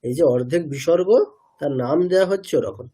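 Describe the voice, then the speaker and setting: A man from India teaches pronunciation online, questioning his students, repeating what they say, and sounding out syllables again and again. His voice is a little high, warm and slightly rough, and he speaks fairly quickly.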